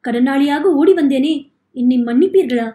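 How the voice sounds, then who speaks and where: A tearful young man pleads for forgiveness, his sorrow spilling into every line, as a woman reads him aloud. The voice sits high and mellow. It rings in an echoey room. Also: normal speed, close to an everyday voice. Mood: pleading. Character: remorseful young man, weeping, begging forgiveness.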